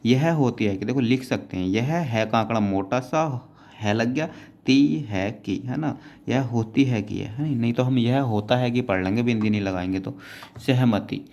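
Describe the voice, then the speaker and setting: A man's voice: medium pitch, moderate pace, a little mellow. A man teaching shorthand, patiently explaining each word and checking in with his students as he goes. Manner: patient, keeps adding "है ना" and calling students "बेटा".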